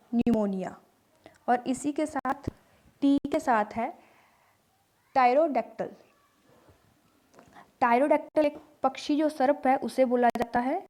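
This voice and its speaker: A woman, an English teacher explaining pronunciation in Hindi, talking slowly and deliberately and repeating each example word. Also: on the high side, mellow. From India.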